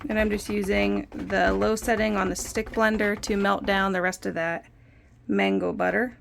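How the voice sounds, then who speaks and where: A young woman in a relaxed how-to vlog, talking through her work step by step in a chatty, self-deprecating way. Her mid-pitched voice often drops into a gravelly fry. She sounds close to a phone propped on a windowsill indoors at home. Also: moderate pace, noisy background. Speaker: soap maker and channel host.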